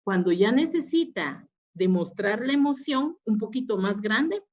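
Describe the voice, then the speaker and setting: A woman's voice: a little high, lively intonation, measured pace, darkish tone. A woman psychologist giving a webinar lecture, explaining patiently with fillers and restarts. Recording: dull lo-fi webinar audio.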